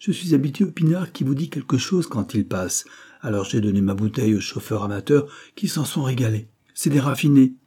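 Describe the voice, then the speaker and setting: A man's voice: mid-range voice, brisk, breathy edge. A man reading aloud, voicing a blunt young male chauffeur-mechanic who talks in colloquial slang. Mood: chatty. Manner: colloquial, animated working-class talk.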